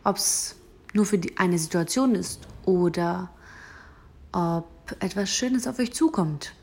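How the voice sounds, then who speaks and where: Soft-spoken woman giving morning affirmations. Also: lowish voice, takes it slowly. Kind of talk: gentle morning affirmation message.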